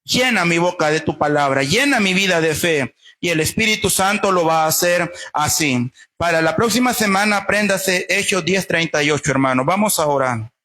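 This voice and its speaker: A man's voice: a little high, lively intonation, normal speed, hardly any pauses, sharp tone. A male pastor preaching a sermon in a fervent style, crying out in rising calls to the congregation.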